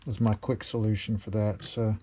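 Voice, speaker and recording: A middle-aged man with a lowish, level voice at normal speed shows off a homemade build in his cluttered home workshop. He's plainspoken, using many fillers, against a noisy background.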